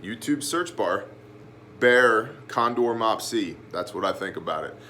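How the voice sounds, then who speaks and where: Teaching a prepper video class at a whiteboard, a man speaks to camera bluntly and emphatically, full of slang. His voice is on the low side, expressive, a little slow, sharp in tone and slightly phlegmy, with slight background noise.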